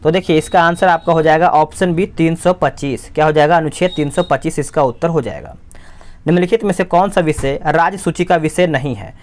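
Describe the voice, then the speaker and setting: A man working through exam practice questions as a tutor, explaining quickly and often asking a question aloud before answering it himself. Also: on the high side, a little mellow. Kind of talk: quiz answer walkthrough.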